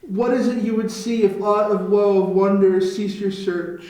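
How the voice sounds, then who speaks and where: Guy doing loyal mourning noble, high voice, shakespeare table read, super echoey. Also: level tone, moderate pace, a little mellow, lightly acted. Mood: solemn. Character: grave, loyal young nobleman mourning his prince. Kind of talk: amateur read-through of a Shakespeare play. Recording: very echoey room.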